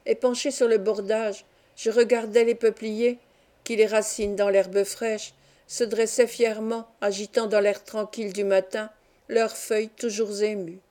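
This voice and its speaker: Woman reading a novel, mellow tone. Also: mid-range voice, little pitch movement, measured pace. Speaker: audiobook reader. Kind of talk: scripted narration of a classic novel.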